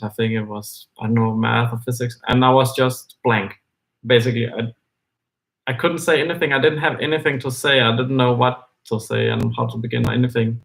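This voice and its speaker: Here a Danish-born man, whose native tongue is Danish, ponders in faltering English during a relaxed live book discussion he co-hosts. His medium-pitched, somewhat bright voice keeps restarting and filling pauses, captured on poor-quality audio.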